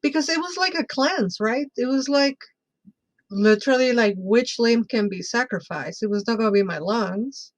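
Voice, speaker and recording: A woman telling a personal story as a podcast guest in an expressive, conversational way, often checking in with the listener. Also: a little high, moderate pace.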